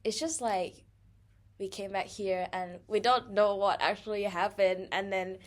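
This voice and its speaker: A woman's voice: medium pitch, fairly even intonation, a little slow. A young woman from Thailand co-hosting a casual podcast, chatty and laughing often, with many fillers. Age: young adult. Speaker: podcast co-host.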